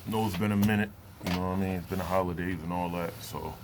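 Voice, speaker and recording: A man in his late thirties giving a reflective personal talk to camera, loose and halting, with many fillers and pauses. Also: low-pitched, steady tone, noisy background. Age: 30s. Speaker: vlogger.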